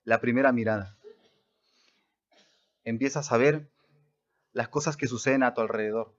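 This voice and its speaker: A man's voice: medium pitch, normal speed, dull audio. A man preaching a sermon as pastor at a church service, stressing words by rising and dropping his voice.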